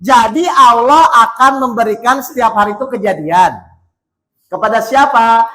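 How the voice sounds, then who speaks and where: A man's voice: extremely high pitch, normal speed, bright, forceful tone. A man preaching in a mosque, asking the congregation question after question and repeating his phrases for emphasis. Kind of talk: interactive mosque sermon.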